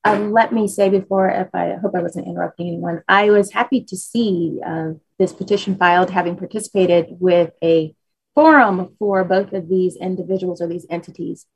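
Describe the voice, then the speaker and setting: A woman's voice: on the low side, steady tone, normal speed, slightly rough, no echo, rough recording. A woman chairing a formal government commission meeting in a courteous, procedural manner.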